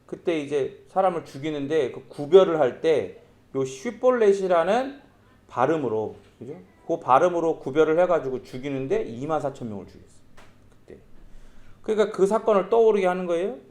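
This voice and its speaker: A man preaching a sermon as pastor, speaking lively and acting out quoted lines in voices. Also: fairly high pitch, a little fast. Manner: lively, acts out quoted speech in character voices.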